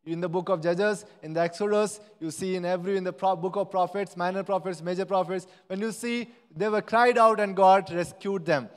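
A man's voice: high-pitched, fairly even intonation, fairly quick, few pauses, clear, resonant tone. A man with an Indian English accent, a pastor leading prayer and preaching in an earnest, repetitive way. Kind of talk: sermon with prayer. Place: church hall. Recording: church hall with long reverb.

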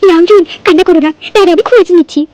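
A woman voicing a calm, fussy, henpecked middle-aged father in a storybook tale. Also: very high-pitched, very fast, dry recording, dull audio. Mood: fussing. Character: soft-spoken middle-aged husband and father.

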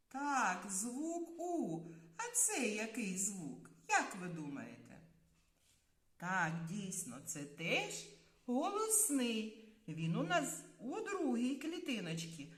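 A woman teaching small children, speaking slowly and in a lively sing-song voice that swings up and down. Her voice sits fairly high and she stretches out each word. The sound is very echoey, as if from a bare room. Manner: sing-song, drawn-out words with long pauses. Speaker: preschool teacher. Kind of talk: slow, clear lesson for small children.

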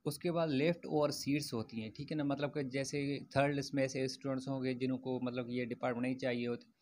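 A man's voice: mid-range voice, fairly even intonation, fast talker, a little mellow. A man speaking plainly to his viewers with student admission updates, in a loose explanatory way full of fillers and restarts. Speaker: education YouTuber. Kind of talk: informal update talk to camera.

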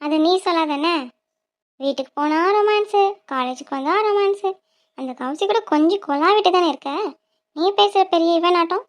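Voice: extremely high pitch, moderate pace. A voice actor playing a cheeky young college woman in a cartoon, bickering and sassy.

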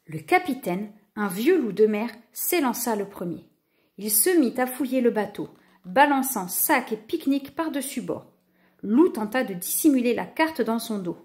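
A woman narrating a children's story in a lively, expressive way. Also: on the high side, normal speed.

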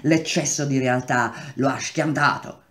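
A man's voice: medium pitch, fairly even intonation, a little slow, fairly bright tone, natural voice. A man voicing a scheming male traitor villain in a read-aloud novel, taunting and drawn out. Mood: angry. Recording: roomy echo.

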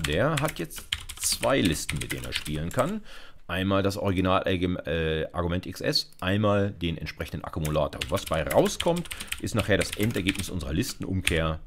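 In a screencast recorded indoors, a middle-aged university lecturer walks listeners through programming step by step, addressing them directly in a casual, conversational style. He talks fairly quickly in a low, very animated voice against a noisy background.

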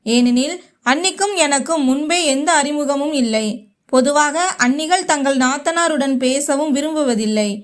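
A woman narrating a first-person short story in a slow, even storytelling manner. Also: high-pitched.

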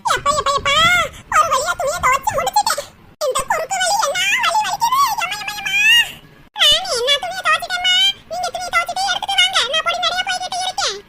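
A woman voicing a quick-tempered old village grandmother in a cartoon, scolding and hurling insults. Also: very high voice, fairly even intonation, loud music behind the voice. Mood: aching. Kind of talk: cartoon voice acting.

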